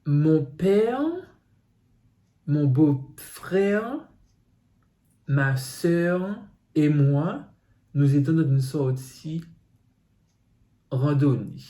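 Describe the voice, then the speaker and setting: A man's voice: fairly high pitch, lively intonation, extremely slow, long pauses, mellow. A man reading out viewer secrets on his phone and reacting to them with teasing asides. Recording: roomy echo.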